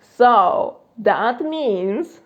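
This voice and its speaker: A woman life coach with a Polish accent fields live-stream chat questions extremely slowly, her fairly high voice carrying lively intonation. Loose and chatty, she leans on fillers and laughs frequently. Recorded by phone, the audio is dull.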